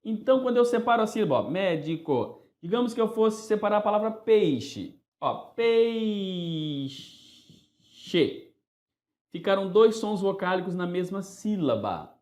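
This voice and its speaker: A male teacher giving a grammar lesson, animated and playful, sometimes calling words out in a singsong voice to show the stressed syllable. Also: sits high, a little fast, hardly any pauses, roomy sound.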